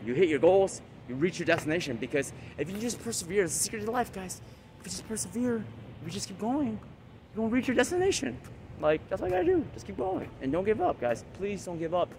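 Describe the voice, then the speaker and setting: Man, hyped motivational vlogger, boastful and profane, faint street noise behind him. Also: mid-range voice. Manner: boastful, hyped, swears freely. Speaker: vlogger giving motivational advice. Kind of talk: casual motivational monologue.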